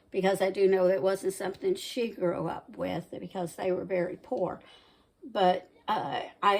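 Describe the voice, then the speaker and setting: Low-quality audio captures a gravelly, mid-range voice belonging to a woman in her sixties from the Southern United States. She runs a home cooking channel, chatting casually and rambling through side stories in a Southern accent with a Midwestern mix.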